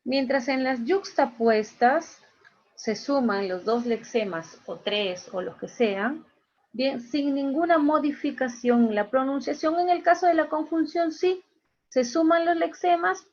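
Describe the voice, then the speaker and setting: A woman teacher giving an online class, speaking slowly, repeating key phrases and checking in with her students. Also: high voice. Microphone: video call. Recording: dull lo-fi video call audio.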